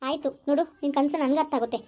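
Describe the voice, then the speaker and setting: A man, playing a calm grown son who soothes his wife and coaxes his mother in a homemade village family drama. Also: very high voice, very fast, lo-fi sound. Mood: soothing. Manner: soothing and reassuring, repeats 'okay?'. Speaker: village skit actor.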